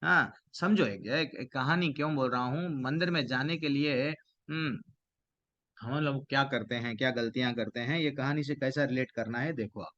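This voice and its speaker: A man telling a devotional story to a gathering, animated and full of fillers and restarts. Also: medium pitch, normal speed, lo-fi sound. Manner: animated, acts out quoted voices, frequent fillers and restarts. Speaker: devotional storyteller addressing a congregation.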